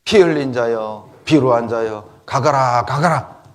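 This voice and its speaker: A man's voice: on the low side, animated, brisk, darkish tone, voice pushed down, lightly acted. A man voicing a spiteful man who jeers and hurls curses at a fallen king, in a sermon retelling. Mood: jeering. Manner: jeering, mocking.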